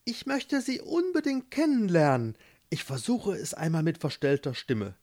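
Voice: medium pitch, wildly swooping pitch, normal speed, a little mellow, voice pushed up. A storyteller voicing an eager, lovestruck young prince who speaks earnestly, in a read-aloud fairy tale.

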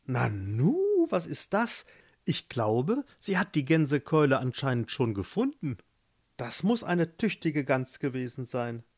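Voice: mid-range voice, sing-song, measured pace. A narrator doing timid young Rapunzel. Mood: gentle. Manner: soft, timid. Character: sweet, timid young maiden in a tower.

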